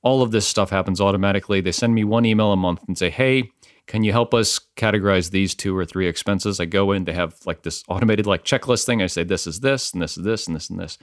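Talking fast in a low voice, a male podcast host interviews a guest in a relaxed, chatty way, often restarting himself and leaning on fillers. He's at home in a small village, and the clean studio recording carries no room sound.

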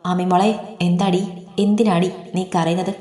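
A woman's voice: fairly low pitch, level tone, normal speed, warm tone, close to an everyday voice. A woman voicing a fierce young woman who bluntly scolds and protects her friend, in a story reading. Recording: echoey reverberant room.

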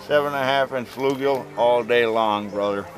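A man's voice: mid-range voice, normal speed, rough recording. A middle-aged man bragging about fishing in a folksy, emphatic way outdoors, calling his listeners brother and baby. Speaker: angler. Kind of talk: casual boastful chat. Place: outdoors by a lake and at a campsite. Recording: loud music underneath. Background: loud background music.

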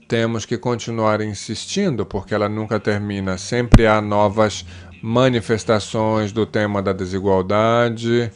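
A man giving a simultaneous interpretation voice-over of a panel discussion, measured and pausing often with fillers and restarts. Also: fairly low pitch, clean tone.

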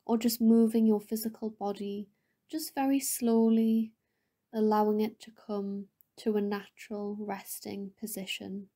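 This is a guided meditation led by a woman whose mid-range voice stays soft and breathy, often dropping almost to a whisper. Her manner is gentle and soothing, with unhurried pauses separating each phrase.

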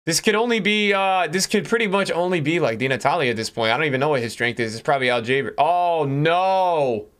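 A young man with a fairly high-pitched voice talks to his livestream chat. He sounds like a frat bro, casual and slangy, addressing everyone as bro, dude or man while he plays. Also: fairly quick, hardly any pauses, a bit bright. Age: young adult. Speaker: game streamer. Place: small room indoors.

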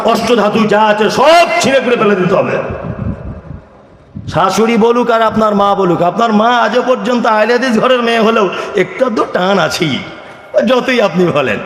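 A man from India delivers a sermon in a high voice, pressing his listeners with rhetorical questions and calling for their answers. His words ring out in a large, echoey hall with a long reverb tail. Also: fairly bright tone, a little hiss or hum. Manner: calls for crowd answers. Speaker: preacher.

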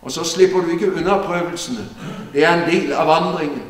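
Earnest male preacher in an echoey church. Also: a little high. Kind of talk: sermon Bible teaching. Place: church hall. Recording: echoey church hall from far off.

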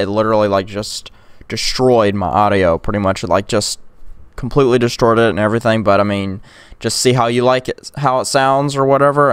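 A young man talks through a casual software tutorial in a smooth, clean voice. He rambles with plenty of fillers and restarts. He sits close to a condenser mic in a dry, dead room. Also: mid-range voice, dry recording. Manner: rambling, filler-heavy, drops to whispers and yells in demos. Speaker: tech tutorial creator. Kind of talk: casual screen-recorded tutorial. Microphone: close USB condenser mic.

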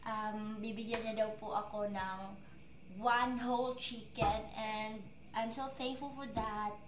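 A woman with a Filipino accent chatting casually as a vlogger, mixing English with Tagalog and starting many sentences with "so.". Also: fairly high pitch. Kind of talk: casual mukbang vlog chat. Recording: echoey room with clear background noise.

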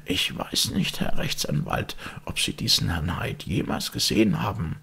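A man voicing a loyal, frightened old male servant in an audiobook, speaking in a hushed, anxious, pleading way with a raspy voice. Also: low-pitched, moderate pace, voice pushed up, full character voice. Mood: uneasy. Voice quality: gravelly, raspy. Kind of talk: audiobook character reading.

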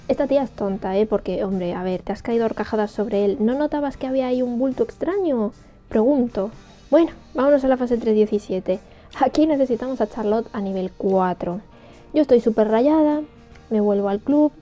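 Woman with a Spain Spanish accent, casual game narration with sarcastic asides, dark and mellow tone, slightly muffled audio with faint music behind. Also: fairly high pitch. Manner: chatty, sarcastic asides and quoted voices. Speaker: gameplay narrator. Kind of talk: casual gameplay retelling.

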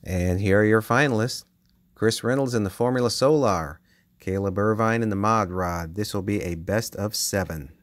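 A man giving play-by-play commentary on toy car races as the channel host, with bursts of excitement at close finishes. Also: fairly low pitch, moderate pace, no room sound. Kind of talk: race commentary. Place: basement with toy race track.

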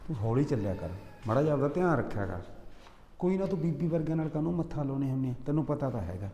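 A man's voice: medium pitch, sing-song, fast, dark tone, reverberant, big-room sound, a little hiss or hum, close to an everyday voice. A man playing a coaxing, placating young husband. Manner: coaxing, soothing, pleading. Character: young husband, placating, caught between wife and mother. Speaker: husband and son.

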